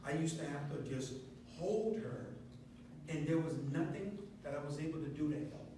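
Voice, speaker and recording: A man voicing a quoted grandfather, a pastor, in a quiet, heartfelt way. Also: a little high, expressive, normal speed, pitched below the performer's own voice, close to an everyday voice. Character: grieving grandfather, a pastor, speaking softly. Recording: echoey noisy room from far off.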